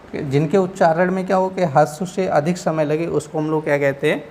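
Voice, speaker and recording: A man's voice: fairly high pitch, fairly even intonation, fairly quick, darkish tone, a little hiss or hum. A man teaching, patiently explaining exam answers step by step and checking in constantly with his students. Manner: patient, repetitive, checks in with frequent "okay".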